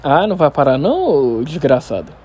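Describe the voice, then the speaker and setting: A man with a Carioca accent ranting casually and unscripted in Rio street slang, swearing heavily, stammering and repeating words as he tells things in an animated way. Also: a little high, fairly quick, husky. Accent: Carioca, Rio de Janeiro. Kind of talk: casual unscripted solo rant.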